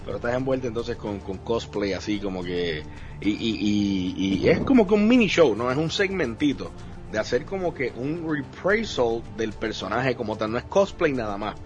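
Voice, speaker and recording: A man's voice: medium pitch, sing-song, moderate pace. A man hosting an interview, asking long winding questions full of fillers and English words. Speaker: podcast host. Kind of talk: conversational interview. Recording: dull lo-fi sound with faint music.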